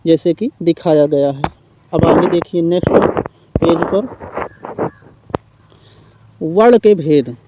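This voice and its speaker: A man's voice: high-pitched, dark tone, dry recording. A man teaching Hindi grammar in an exam-prep lecture, reading definitions and listing examples step by step. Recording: dull, muffled lo-fi recording.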